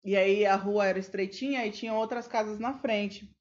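A woman's voice: medium pitch, normal speed. A woman co-hosting a podcast, telling stories casually and acting out the people in them. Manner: animated, acts out shouted quotes. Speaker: podcast co-host. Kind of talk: casual storytelling chat. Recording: dull lo-fi sound.

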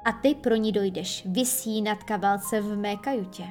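A woman's voice: mid-range voice, darkish tone, faint music behind, close to an everyday voice. A woman voicing a cruel, mocking male pirate captain in an audiobook reading, with a sneering manner. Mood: grim.

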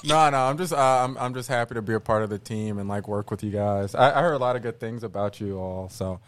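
A man, a show producer, talking in a modest, chuckling, soft-spoken way in a casual podcast chat. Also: lowish voice, quick pace.

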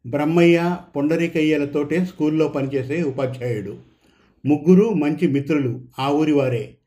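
A man reading a story aloud in an even, measured narration. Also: a little high.

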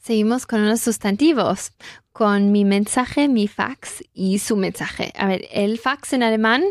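Here a woman teaches German through Spanish at a measured pace, her mid-range voice calmly going over phrases again and fixing the student's mistakes. The audio is clean, studio-grade, with no echo.

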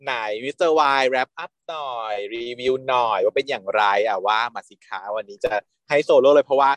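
A man co-hosting a review podcast, playful and teasing, asking quick questions. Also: mid-range voice, no echo. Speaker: podcast co-host. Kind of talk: casual review chat.

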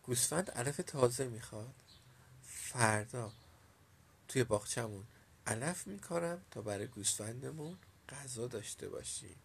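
A man's voice: mid-range voice, expressive, creaky, slightly rough. A man voicing a worried, caring old village woman in a storybook reading, lifting his voice a little for her.

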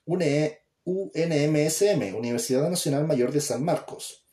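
Mellow-voiced man reading aloud. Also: fairly high pitch. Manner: plain, unhurried reading, self-correcting mid-phrase. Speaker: reader. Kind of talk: amateur reading aloud of an academic book. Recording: roomy echo.

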